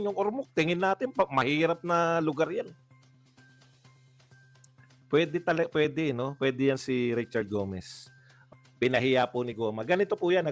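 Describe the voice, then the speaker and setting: A man with a Filipino accent giving casual political reaction commentary, chatty, laughing often and mocking with put-on quotes. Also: fairly high pitch.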